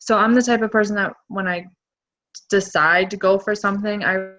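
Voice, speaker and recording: A woman's voice: mid-range voice, steady tone, normal speed, fairly bright tone. A chatty woman talking casually on a video call as her connection keeps cutting out. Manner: chatty, rambling with fillers. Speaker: new distributor sharing her story. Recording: muffled lo-fi video call audio.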